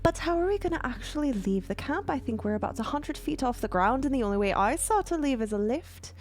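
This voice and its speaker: A woman's voice: high voice, expressive, a little fast, voice pushed up. A woman voicing a practical, formal and pointed female adventurer in a tabletop game. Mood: brisk, impatient. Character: brisk, practical woman adventurer in a fantasy camp.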